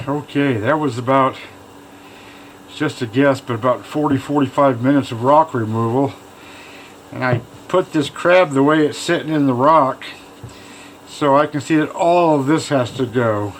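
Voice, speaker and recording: A fossil preparer shows off his own work in a casual, hands-on demonstration, thinking aloud informally as he goes. He has a mid-range voice and a moderate pace. Machine hum runs behind him, and the recording is rough.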